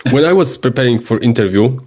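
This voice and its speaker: A man whose first language is Polish hosts a podcast interview in English. He is hesitant, often searching for words and filling pauses as he builds his questions. His pitch is mid-range for a man. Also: lively intonation, a little mellow. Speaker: podcast host.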